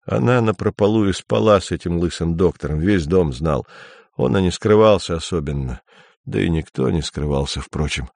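A man narrating an audiobook in a measured, even way. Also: deep voice, gravelly, no echo. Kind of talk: audiobook reading.

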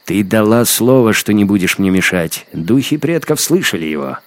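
A man voicing a brutal, gloating young male hunter who shouts and mocks in a storybook reading. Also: fairly low pitch, big pitch swings, moderate pace. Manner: shouting, menacing, mocking. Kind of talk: audiobook character acting.

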